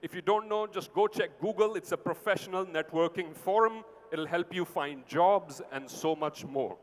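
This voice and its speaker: A man's voice: high voice, normal speed. A man with an Indian accent giving a motivational talk to a large audience, teacherly, in short punchy phrases with prompting questions. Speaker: motivational speaker. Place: large event venue with long reverb. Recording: hall PA with long reverb.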